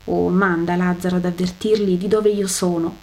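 A woman's voice: mid-range voice, measured pace, a little mellow, lightly acted. Woman voicing a weeping damned rich man. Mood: desperate. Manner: weeping, desperate pleading. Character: tormented damned rich man begging from hell.

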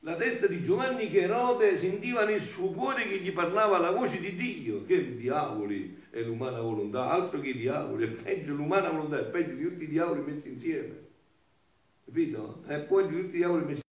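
A man, a friar, preaching a sermon, swinging from loud emphasis to hushed asides with rhetorical tags. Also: a little high, expressive, moderate pace. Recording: roomy echo, voice from some distance.

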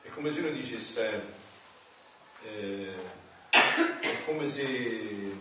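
Friar preaching in an echoey hall. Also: male voice, medium pitch, very slow, heavy background noise. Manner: animated, exclaiming, reads passages aloud and jokes with listeners. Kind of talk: spiritual teaching to a community. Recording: echoey room recorded from far off.

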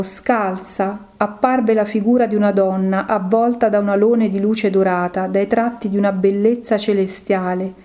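A woman narrating a devotional story in a calm, measured reading voice. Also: medium pitch.

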